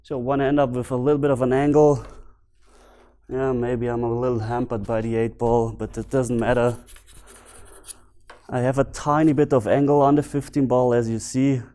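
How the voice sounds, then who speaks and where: A man from Bavaria with a German accent, a native German speaker giving casual, unscripted instructional commentary as a video host, pausing to find his words. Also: medium pitch, flat delivery, warm tone. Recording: music behind the voice. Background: background music.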